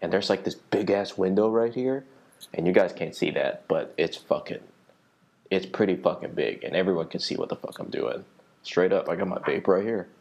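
Low-voiced young man, slangy podcast rambling. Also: moderate pace, gravelly, a little mellow, highs cut off. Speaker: solo podcast host. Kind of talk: casual solo podcast chat. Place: small conference room in a library.

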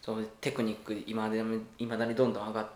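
A man with a Kansai accent chatting casually, teasing his partner and breaking into high laughter. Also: level tone, rapid-fire, darkish tone, echoey room. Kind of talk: casual chat.

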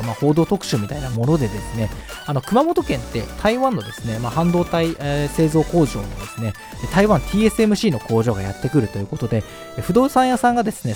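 A man's voice: a little high, a little mellow. A man with Japanese as his first language, hosting a casual language-learning talk, chatty with many fillers and polite asides. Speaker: Chinese language course host. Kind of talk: casual explanatory monologue.

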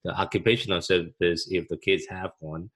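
Man, Taiwanese accent, very low voice, halting, many restarts. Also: steady tone, a bit bright, breathy edge. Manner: halting, frequent restarts and fillers. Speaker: guest, parent. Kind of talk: casual interview answers.

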